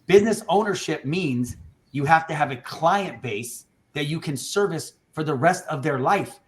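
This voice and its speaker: A man's voice: on the high side, lively intonation, moderate pace. A man hosting a casual panel talk, speaking with passion and emphasis and often cutting in.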